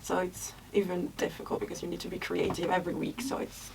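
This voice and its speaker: A woman's voice: lowish voice, quick pace, gravelly. A young woman from Italy, hosting a student podcast and chatting casually, often laughing. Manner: relaxed, asks questions, laughs often. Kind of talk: casual chat. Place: school room. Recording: distant mic, noisy background.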